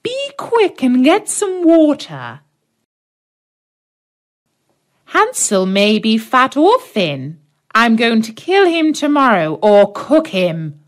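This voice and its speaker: A shrill, greedy old witch from a storybook, barking orders with a cruel edge, as a woman reading the tale puts her on. The voice jumps high and sharp, swooping wildly between words. She sounds old, wicked and impatient. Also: very animated, takes it slowly. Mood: commanding. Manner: snapping, commanding.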